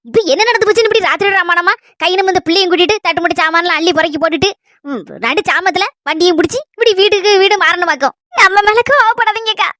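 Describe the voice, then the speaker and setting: A woman acting a village woman in a comedy skit, with a Kanyakumari Tamil accent, who pleads and scolds with animated energy. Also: very high-pitched, fast, no room sound, clean studio sound. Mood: upset. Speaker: skit actress.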